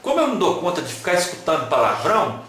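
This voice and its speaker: Speaking fast in a voice on the high side, a man lecturing at an online talk banters with his listeners, quizzing them and joking along the way with rhetorical questions too. Slight background noise and a very echoey room surround his animated, playful delivery.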